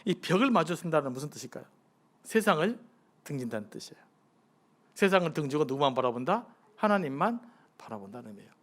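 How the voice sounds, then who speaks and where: High-voiced pastor preaching conversationally. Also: male voice, big pitch swings, quick pace. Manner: conversational preaching with rhetorical questions to the congregation; acts out pleading prayers in a hushed, softened voice. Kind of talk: sermon at a midweek prayer service.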